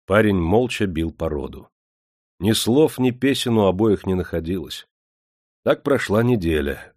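A man narrating an audiobook in a steady, measured storytelling manner. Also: lowish voice, no room sound, clean studio sound. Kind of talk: scripted narration.

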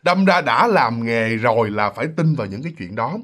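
A man's voice: medium pitch, lively intonation, brisk, fairly bright tone. A man narrating a ghost story in a chatty way, talking straight to his listeners. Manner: chatty, addresses listeners directly. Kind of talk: casual storytelling.

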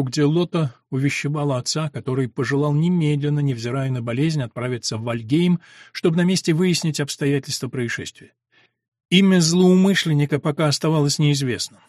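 A man narrating a classic novel as an audiobook, in a measured, expressive reading style. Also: medium pitch, no echo, studio quality. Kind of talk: scripted literary narration.

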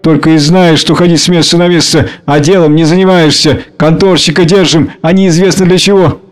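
A man's voice: fairly high pitch, fairly even intonation, a little fast, pitched above the performer's own voice, lightly acted. A man playing a stern scolding young woman. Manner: scolding, shouting at times.

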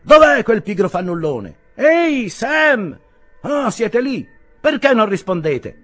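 A man voicing an old woman innkeeper, always busy, who shouts orders and scolds. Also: fast talker, faint music behind. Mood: scolding. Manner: shrill, scolding. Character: bustling old female innkeeper, bossy.

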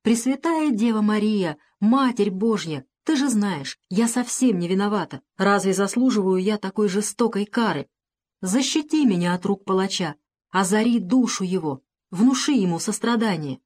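A woman reading the part of a gentle, devout young enslaved woman in an audiobook, with a tremulous, pleading delivery. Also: mid-range voice, expressive, normal speed, close to an everyday voice. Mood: desperate prayer.

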